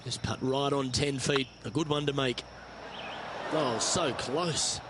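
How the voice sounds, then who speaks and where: A man working as a golf commentator, calling shots in measured, understated sportscaster remarks for a video game. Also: mid-range voice, heavy background noise, close to an everyday voice. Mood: measured, encouraging. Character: polished male golf commentator calling each shot. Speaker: golf commentator, lead announcer.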